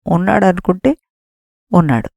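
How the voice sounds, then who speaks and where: A woman voicing a calm devout messenger. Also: on the low side, normal speed, vocal fry, dry recording, pitched above the performer's own voice. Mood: reassuring. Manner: soothing, reverent reassurance. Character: calm devout young male messenger, consoling.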